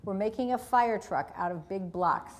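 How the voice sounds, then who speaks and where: A woman author reads aloud from her own parenting book in a measured, calm manner. Her voice sits at an ordinary mid pitch.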